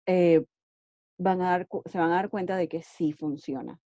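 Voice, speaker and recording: A woman's voice: fairly low pitch, dark tone, no room sound, dull audio. A woman English teacher giving casual advice on learning languages, often checking in with "ok?" and slipping in English words. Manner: friendly, checks in with frequent "ok?"; mixes English words into speech.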